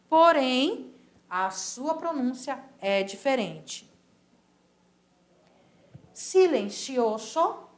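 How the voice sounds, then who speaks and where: Brazilian lady teacher doing a spanish class, says words slow and twice, bit high, roomy echo. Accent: Brazilian Portuguese. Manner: patient, models pronunciation by repeating words slowly. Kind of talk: recorded school lesson.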